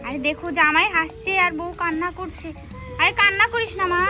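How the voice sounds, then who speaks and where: A woman's voice: very high voice, a little fast. A woman vlogger narrating a doll wedding game, coaxing and exclaiming as she goes. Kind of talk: casual narration of doll play. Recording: music playing underneath.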